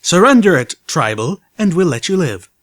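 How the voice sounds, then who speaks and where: A man voicing a gruff mare leading a squad of armored soldiers, issuing commands. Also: high voice, very animated, moderate pace, a bit bright, dry recording, clean studio sound, voice pushed up, full character voice. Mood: commanding.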